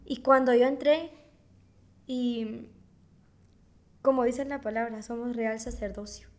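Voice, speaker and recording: A young woman giving a casual church testimony in an interview, telling her story in a lively way and acting out remembered dialogue. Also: fairly high pitch, takes it slowly.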